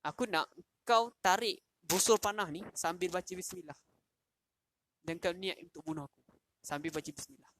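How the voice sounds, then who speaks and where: A man's voice: high voice, moderate pace, pauses often, noisy background, natural voice. A man voicing a brave, pious young man who firmly stands up to a king.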